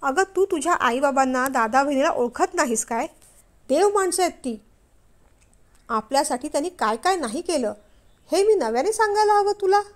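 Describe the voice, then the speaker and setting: Storybook husband, middle-aged, loud stern rebuker, read by a woman, high-pitched. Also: normal speed, close to an everyday voice. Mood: stern, angry. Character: angry scolding husband, middle-aged man.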